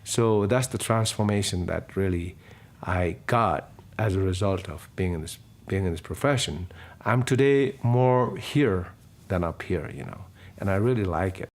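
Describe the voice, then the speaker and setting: Deep-voiced man speaking softly from afar. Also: measured pace. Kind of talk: testimonial interview.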